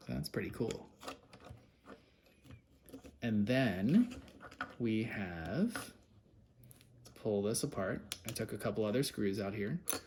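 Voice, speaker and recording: In a homemade kids' take-apart video, a parent with a fairly low, slightly mellow voice explains the hands-on job to a child in a relaxed way. He keeps asking patient questions to guide them. The recording has noticeable background noise and handling clicks.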